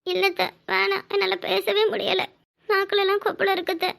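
A woman's voice: extremely high pitch, monotone, moderate pace, vocal fry, fairly bright tone, no room sound, clean studio sound, full character voice. A woman voicing a sick, weak young wife in a cartoon, talking feebly with a southern Tamil Nadu accent. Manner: feeble, tired. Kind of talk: cartoon voice acting.

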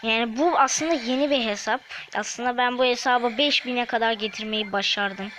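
A woman with a somewhat high voice talks through her game as she plays. She chats with viewers and snaps at opponents. A faint hiss of noise sits under the recording. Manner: chatty, quick to snap at opponents. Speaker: gaming channel host. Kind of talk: game commentary.

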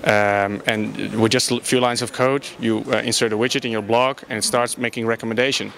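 A man's voice: medium pitch, steady tone, brisk, a bit bright, slight background noise. A young Dutch man, a startup founder, answering interview questions in English with many filler sounds and restarts, in a large conference hall on a handheld mic. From Netherlands. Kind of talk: conversational interview.

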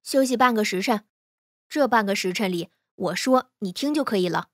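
A woman voicing a playful, easygoing young male swordsman who coaches briskly with teasing encouragement. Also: medium pitch, expressive, no echo, studio quality, lightly acted. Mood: instructive.

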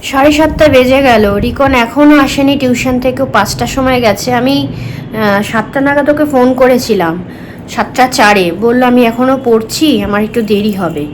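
A woman's voice: fairly high pitch, moderate pace, slight background noise, low-quality recording. A woman, chatting casually through a home vlog, rambling with many fillers. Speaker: vlogger.

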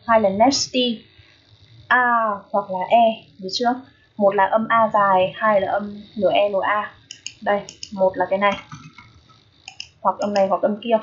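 Vietnamese woman, English teacher, husky voice, mid pitch, keeps asking if students follow, dull lo-fi recording. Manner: checks in with listeners often; repeats each word slowly. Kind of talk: phonetics lesson.

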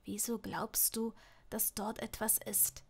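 A proud, secretive young wizard speaks in a hushed, breathy half-whisper, as a woman reading an audiobook puts him on. The voice stays soft and held back, with a high timbre for a man, and it sounds cool and guarded. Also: fairly even intonation, normal speed. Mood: hushed cold. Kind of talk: audiobook reading of fan fiction.

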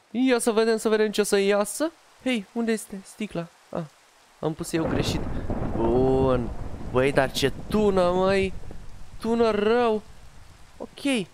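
A man's voice: fairly high pitch, clear, resonant tone. Chatty man narrating his gameplay. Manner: chatty, talks to himself and his pet dog as he plays. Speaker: gaming youtuber. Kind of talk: casual Minecraft let's play commentary.

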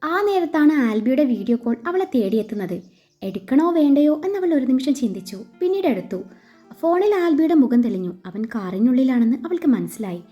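A woman storyteller reading a romance story aloud in a steady, gentle way. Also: high-pitched, brisk. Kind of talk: story narration. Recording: slightly dull with faint music.

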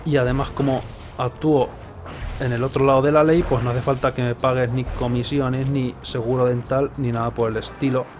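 Spanish-accented man, wry joking game streamer, mid-range voice, loose rambling delivery, soft music behind. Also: medium pitch, level tone, normal speed. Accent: Spain. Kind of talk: casual live gameplay commentary. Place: indoors, streaming setup. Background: game music and effects.

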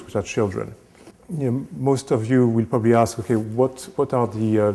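A man in his thirties explains building topics in a casual lecture, recorded on a lapel mic in a small indoor studio. His voice sits low and mellow. He talks in a halting way, full of fillers and restarts. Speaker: renovation specialist.

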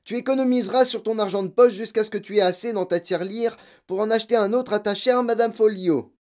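A man playing a brutish, bad-tempered father who barks and shouts in a storybook reading. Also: high-pitched, fast, voice pushed up, close to an everyday voice. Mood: scornful. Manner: shouting, barking.

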